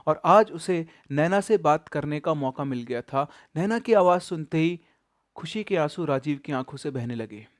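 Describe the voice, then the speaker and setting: A man's voice: a little high, expressive, normal speed. A man narrating a horror story in a conversational way, correcting himself and restarting as he goes. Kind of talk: casual spoken horror narration.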